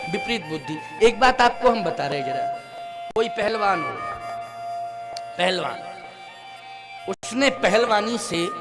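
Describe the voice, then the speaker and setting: High-voiced male preacher quizzing his audience. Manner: quizzes the audience with rhetorical questions; chants scripture verses slowly and drawn out. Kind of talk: devotional storytelling sermon. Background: musical instrument accompaniment.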